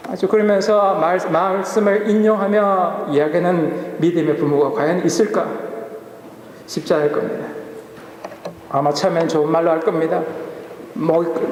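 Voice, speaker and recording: A man's voice: high voice, reverberant, long reverb tail. A male pastor preaching a sermon, asking the congregation rhetorical questions and telling stories. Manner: asks the congregation rhetorical questions, lively storytelling. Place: church sanctuary.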